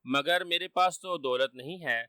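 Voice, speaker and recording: A man's voice: a little high, pushed and bright, clean tone, no echo. A man voicing a panicky, flustered wife who pleads frantically. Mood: panicked.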